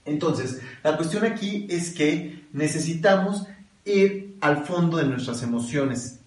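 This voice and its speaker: A man's voice: a little high, expressive, slow. A man giving a spiritual lecture in a conversational way, often asking rhetorical questions and checking in with his listeners. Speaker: kabbalah teacher. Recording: echoey room, mic at a distance.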